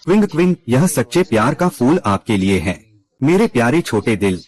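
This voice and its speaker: A male narrator runs through a short drama, delivering every character's lines in one scripted read. His pitch is mid-range and swings widely from line to line. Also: very animated, moderate pace. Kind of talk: scripted recap narration voicing all characters.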